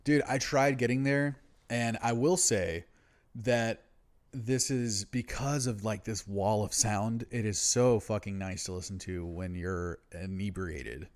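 A man co-hosting a podcast, casually discussing music in a laid-back, slangy, sweary stoner manner, as someone who is habitually high. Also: steady tone, a little slow. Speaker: podcast co-host.

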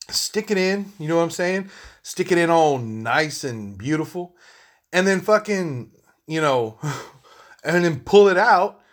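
A young man hosts his own podcast, ranting casually in a solo episode while eating on mic. He swears constantly, rambles and leans heavily on filler words. His voice is a little high and a bit bright.

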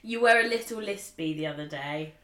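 A woman chatting as podcast co-host, teasing and quick to laugh. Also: low-pitched, lively intonation, a bit bright, echoey room. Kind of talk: casual chat.

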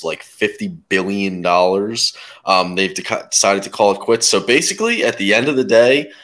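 A man's voice: deep voice, a bit bright. A man co-hosting a podcast, joking and rambling with lots of fillers in casual chat. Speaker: podcast co-host.

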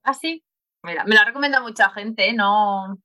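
A woman's voice: mid-range voice, normal speed, pushed and bright, rough recording. A woman podcast host who interviews her guest in a casual conversation, listening attentively and answering with short encouraging replies.

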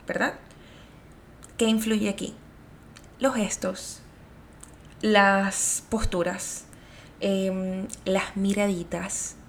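A woman, a video host giving communication tips in a chatty, expressive way, talking straight to her viewers. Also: medium pitch, slight background noise. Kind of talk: casual explainer talk.

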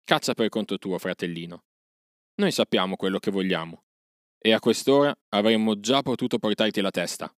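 A man's voice: fairly low pitch, normal speed, no echo, clean studio sound, natural voice. A man voicing a blunt, bloodthirsty grey wolf who grumbles in a storybook reading. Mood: grumbling.

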